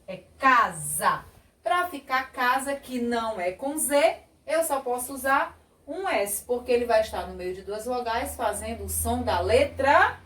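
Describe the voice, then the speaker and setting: A Brazilian woman teaching young children, sounding out words slowly and clearly as she explains spelling. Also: fairly high pitch, animated. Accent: Brazilian Portuguese. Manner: slow, sing-song, exaggerated word sounding. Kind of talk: children's lesson. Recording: echoey room, a bit far from mic.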